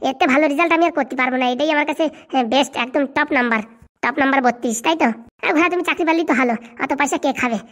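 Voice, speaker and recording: A squabbling household of rural cartoon characters, all voiced by one woman, trading rustic banter, teasing and scolding. The voices sit high and race along at a breakneck clip. It sounds like a comic cartoon sketch. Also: racing, a bit bright. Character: bickering rural cartoon family members, boisterous.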